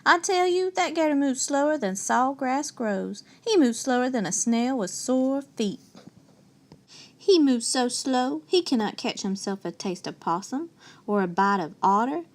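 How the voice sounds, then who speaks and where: Slow, gravelly woman reading a picture book. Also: sits high, animated. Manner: slow, playful, folksy storytelling with questions to young listeners. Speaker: storyteller. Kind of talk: children's picture-book read-aloud.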